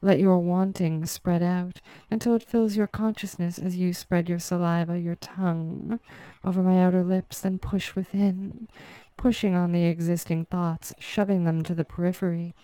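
Low, smooth sultry woman narrator. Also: flat delivery, moderate pace, no echo, low-quality recording. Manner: soft, sultry and commanding. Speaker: erotic audio narrator. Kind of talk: slow guided hypnotic narration.

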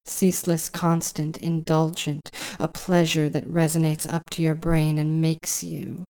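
A woman doing intimate, scripted hypnosis narration in slow, flowing, repetitive phrases. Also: low-pitched, little pitch movement, creaky, dark tone. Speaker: audio hypnotist.

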